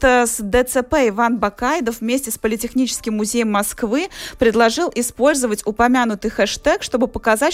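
Higher-pitched woman radio host. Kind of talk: radio magazine presenting.

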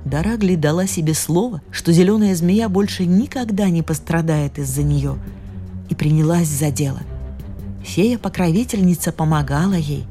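A woman narrating a fairy tale with expressive storytelling. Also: sits low, moderate pace. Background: faint music.

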